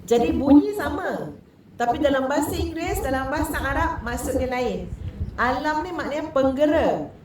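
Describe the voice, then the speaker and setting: A Malaysian woman teacher preaches in a high, bright voice and keeps turning questions back to her listeners. Her voice is picked up from a distance and rings around a very echoey hall, with faint noise underneath. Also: moderate pace. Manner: lively and conversational, questioning the audience. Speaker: female religious teacher. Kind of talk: religious talk to a women's audience.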